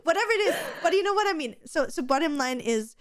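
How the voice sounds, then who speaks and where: A podcast co-host talks in a quick, animated way, her voice sitting high. Chatty and full of advice, the woman has a slight stutter and keeps restarting her sentences.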